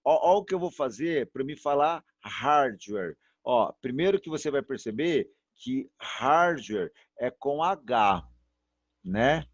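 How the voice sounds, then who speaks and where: A Brazilian man teaches an online class at a middle pitch, repeating words patiently and drawing each one out to show how it sounds. His voice comes through a dull, muffled video-call line with no room echo at all. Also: animated. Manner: patient, repetitive, drawn-out demonstrations. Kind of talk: online class pronunciation lesson.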